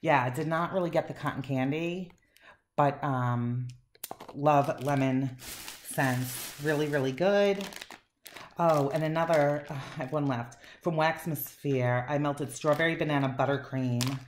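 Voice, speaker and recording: This woman's voice sits low and moves at a measured pace. She's enthusiastically reviewing wax melts in a loose, rambling chat full of fillers, recorded in an echoey room with a little background noise.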